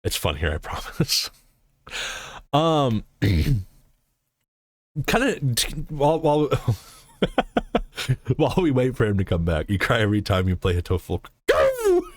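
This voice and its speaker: A man's voice: lowish voice, lively intonation, a little slow, long pauses, no echo. A man streaming live, chatting casually and answering his chat in a rambling, swearing way.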